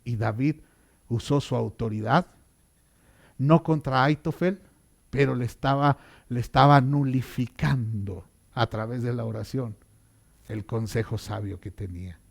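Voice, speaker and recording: Gravelly, slow-talking pastor. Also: male voice, mid-range voice. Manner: dramatic, swinging between loud and hushed. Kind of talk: sermon.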